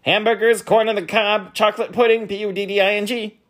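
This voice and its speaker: An excitable storybook bee, voiced by a male narrator, pitched well above normal talk. The delivery is loud and proud, with words spelled out crisply letter by letter. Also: fairly quick. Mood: proud, eager.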